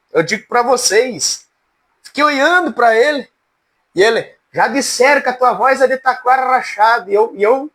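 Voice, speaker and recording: A man with a strikingly high, cracked voice leads a relaxed church class. He jokes along in a folksy way and keeps calling on students by name. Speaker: Bible teacher. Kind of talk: informal church class lecture.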